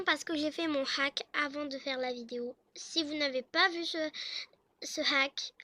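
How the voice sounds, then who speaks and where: A woman's voice: high-pitched, bright, forceful tone. A woman casually narrating a game role-play video and chatting straight to her subscribers.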